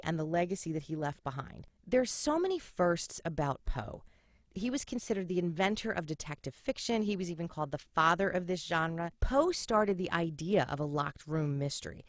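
A woman's voice: lowish voice, no echo, clean studio sound. A middle-aged woman from Philadelphia hosting a history podcast, narrating in a sarcastic, irreverent way and swearing casually. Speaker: podcast host.

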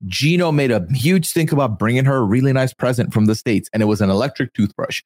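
A man's voice: mid-range voice, fast, darkish tone, dry recording, studio quality. A man hosting a casual podcast, rambling through an analytical recap and chuckling as he goes. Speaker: podcast host.

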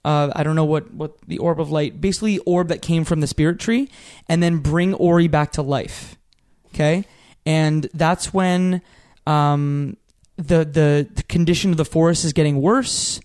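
A man's voice: fairly high pitch, steady tone, normal speed, few pauses, darkish tone. A man hosting a casual gaming podcast, retelling a story with energy and running a quiz in a game-show host manner.

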